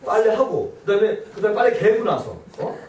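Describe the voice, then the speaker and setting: High lively guy pastor, acts out nagging lines, roomy hall, heard from a distance, faint room hum. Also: brisk. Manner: animated, acts out nagging quotes in shrill voices. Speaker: pastor giving a seminar. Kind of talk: lively church seminar talk. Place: church hall.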